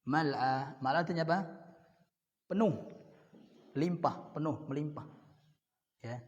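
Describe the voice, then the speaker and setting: Man, grammar teacher, slow deliberate lecture, repeats each word, dull lo-fi recording, long echo of a hall. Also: fairly high pitch. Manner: repeats words, asks questions and answers them himself. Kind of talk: classroom lecture. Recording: dull lo-fi sound in a reverberant hall.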